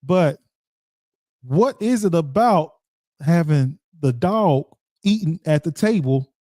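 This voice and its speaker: A man's voice: on the high side, lively intonation, slow pace, warm tone, no room sound, studio quality. A man hosting a radio show, rambling casually and talking straight to his listeners with lots of repeats. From Dallas-Fort Worth area, Texas. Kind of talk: casual solo commentary.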